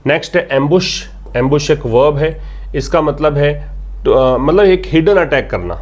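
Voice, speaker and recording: A man's voice: a little high, lively intonation, a little slow. Man teaching English vocabulary. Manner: explains patiently, repeats key words, asks and answers his own questions. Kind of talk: vocabulary lesson explaining a newspaper article.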